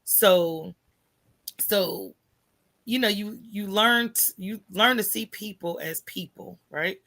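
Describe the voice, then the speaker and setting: Speaking slowly at a medium pitch with vocal fry, an American woman shares candid stories as a podcast guest. She's animated, performs the dialogue she recalls, and keeps asking "right?" to check in with her listener.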